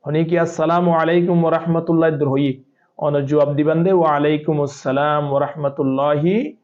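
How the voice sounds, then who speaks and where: Chittagonian bengali maulana guy giving a sermon, kinda high voice, teaches step by step w arabic quotes, muffled lo-fi recording. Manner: explains point by point, reciting Arabic quotations. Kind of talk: Islamic sermon, teaching hadith.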